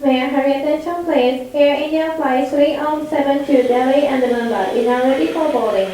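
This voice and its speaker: A woman giving a formal, polite airport public-address announcement as a gate agent, speaking English. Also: high-pitched. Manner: rapid, polite and formal, with small slips corrected on the fly. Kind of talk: formal bilingual boarding announcement. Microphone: public-address microphone. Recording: echoey terminal over a loudspeaker with faint ambience.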